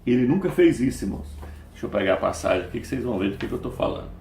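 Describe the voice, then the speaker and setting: A man's voice: mid-range voice, big pitch swings, very fast, vocal fry, darkish tone, roomy sound, slight background noise. A man preaching insistently to his listeners, often calling them brother, reading and quoting scripture aloud. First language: Portuguese. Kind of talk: preaching to camera.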